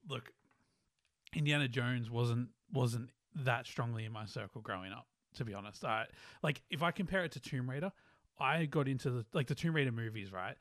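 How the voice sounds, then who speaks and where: A young man talks in a mid-range voice, close and dry with no room around it. He thinks aloud, trailing off and restarting his sentences. The chat is relaxed and unscripted. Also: mid-range voice, normal speed, no room sound. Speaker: podcast co-host. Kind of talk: casual chat.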